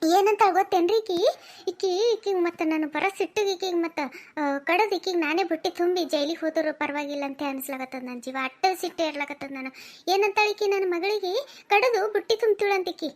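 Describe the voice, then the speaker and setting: Woman voicing a cartoon mom, north karnataka accent, very high voice, keeps repeating her jabs. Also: steady tone, brisk. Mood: furious scolding. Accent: North Karnataka Kannada. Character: angry protective middle-aged mother, sharp-tongued. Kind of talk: cartoon voice acting.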